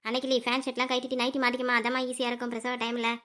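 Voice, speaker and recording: A woman's voice: fairly high pitch, monotone, rapid-fire, sharp tone. Woman doing a fussy village mother-in-law. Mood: fussing. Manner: bossy and anxious, prays aloud. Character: fussing middle-aged village mother-in-law. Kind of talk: cartoon voice acting.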